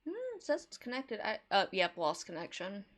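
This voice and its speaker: A woman streaming a game, chatting casually with wry, quick asides and reading lines aloud. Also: mid-range voice, wildly swooping pitch, fairly bright tone.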